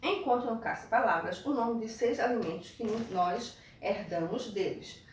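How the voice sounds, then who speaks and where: A woman's voice: on the high side, measured pace, very echoey, recorded from a distance, slight background noise. A woman from Brazil teaching a video lesson, guiding children through textbook exercises and checking in with frequent tag questions. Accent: Brazilian Portuguese.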